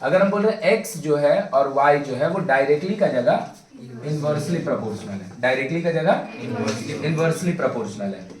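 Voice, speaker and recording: Animated male math tutor, echoey room. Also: fairly high pitch, normal speed. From India. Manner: animated, coaxing students to pay attention; mixes English phrases into Hindi explanation. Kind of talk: classroom lesson.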